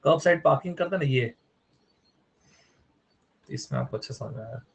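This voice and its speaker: A man's voice: mid-range voice, animated, moderate pace, creaky, a little hiss or hum. A man giving a casual online vocabulary lesson, chatty and playful, spelling words out letter by letter. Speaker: vocabulary teacher.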